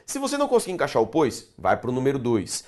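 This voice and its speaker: A man teaching Portuguese grammar in a video lesson for exam candidates. He writes on a board as he goes, asks the class rhetorical questions and stretches key words out slowly. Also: mid-range voice, huge pitch swings, darkish tone.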